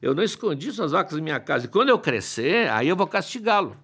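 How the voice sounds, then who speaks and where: A man's voice: on the high side, very animated, quick pace, a bit bright, breathy edge, heavily acted. A man voicing a crafty newborn boy god who pleads innocence in a sugary voice full of diminutives. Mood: pleading. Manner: wheedling, piles on diminutives.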